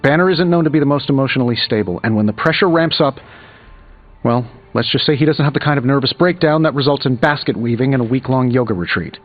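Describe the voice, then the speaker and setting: A man's voice: medium pitch, fast, dull audio, soft background music, natural voice. A man playing a cocky, wisecracking genius inventor superhero in a video game, with a glib, sarcastic delivery. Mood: concerned, wry. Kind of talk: video game dialogue, quippy banter.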